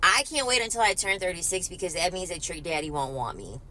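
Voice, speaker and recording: A woman's voice: fairly low pitch, lively intonation, fast talker, pushed and bright, slight background noise. A woman in her thirties, mocking and sarcastic with heavy swearing, in a casual online rant video. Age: 30s.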